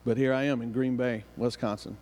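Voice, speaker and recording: A man's voice: medium pitch, fairly even intonation, brisk, noisy background. A man with a Southern US hillbilly accent preaching a sermon with emphatic repetition and rhetorical questions. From southern United States. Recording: reverberant hall.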